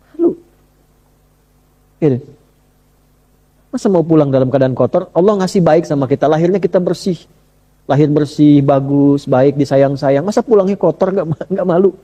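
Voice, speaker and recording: A male preacher delivering a sermon, with a mellow, warm tone and a high-set voice. He asks his listeners questions and often leaps upward for emphasis. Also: highs cut off. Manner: lively, rising to high emphatic bursts, addressing the audience directly with questions. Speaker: Islamic preacher.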